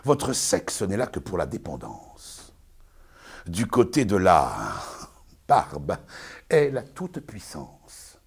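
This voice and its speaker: A pompous, domineering master , acted by a man, lectures his young bride in classical verse. The delivery is hammy and declamatory, swinging widely in pitch, with a husky edge. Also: big pitch swings, slow pace, pauses often, full character voice. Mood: imperious, emphatic. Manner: hammy, declamatory stage acting. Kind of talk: classical French verse theatre monologue.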